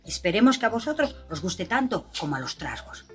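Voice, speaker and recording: A preschool teacher reading a storybook for young children in a gentle, animated manner. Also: female voice, mid-range voice, a little fast, soft background music.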